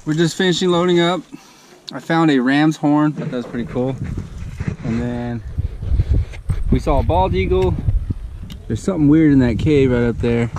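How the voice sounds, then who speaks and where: A man's voice: medium pitch, dark tone, a little hiss or hum. A young man, casually recapping a kayak fishing trip outdoors on an action camera. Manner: laid-back, rambling recap. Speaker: fishing vlogger. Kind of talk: casual outdoor vlog narration. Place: outdoors on a riverbank.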